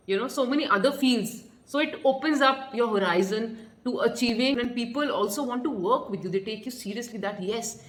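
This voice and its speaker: A woman's voice: mid-range voice, a bit bright. A woman with an Indian accent giving an explanatory coaching talk as a pageant coach, earnest and instructive, repeating points for emphasis. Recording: roomy echo.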